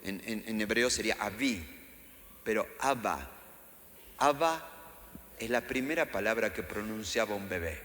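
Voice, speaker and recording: Rioplatense pastor preaching in an echoey hall. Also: male voice, on the low side, unhurried, long pauses, a little hiss or hum. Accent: Rioplatense Spanish. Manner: lively, acts out quotes in raised voices. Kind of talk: sermon. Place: church hall. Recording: echoey church hall, faint ambience.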